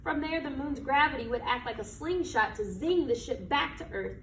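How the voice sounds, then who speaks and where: At normal speed, a woman with a high, expressive voice reads aloud from a children's picture book, stressing words dramatically and questioning her listeners. Room echo, a faraway microphone, and background noise color the recording.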